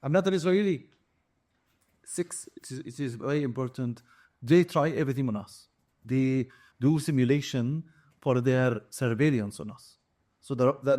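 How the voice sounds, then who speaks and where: A man's voice: mid-range voice, darkish tone. A man in his forties with a Palestinian Arabic accent, whose first language is Arabic, giving earnest interview testimony as an activist, emphatic and listing his points one by one, often repeating words. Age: 40s.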